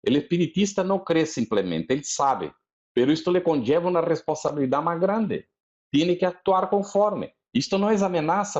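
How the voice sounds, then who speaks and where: Guy lecturing on spirit stuff, teacherly, keeps tossing quick questions at the crowd, muffled lo-fi sound. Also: on the high side, a little mellow. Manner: didactic, often checks in with the audience with questions. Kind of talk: religious lecture. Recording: dull lo-fi recording.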